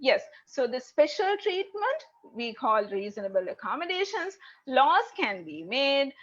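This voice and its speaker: Lively high-voiced Sri woman on a call. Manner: animated, explains point by point with rhetorical checks. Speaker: guest speaker. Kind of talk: webinar talk answering questions. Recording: dull lo-fi online call audio.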